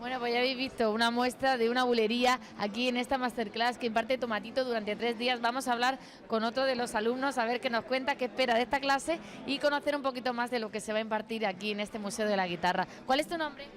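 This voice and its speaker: A woman reporting on location for TV, asking friendly questions in quick succession. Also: a little high, fairly even intonation. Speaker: field reporter. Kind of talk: on-location TV interview.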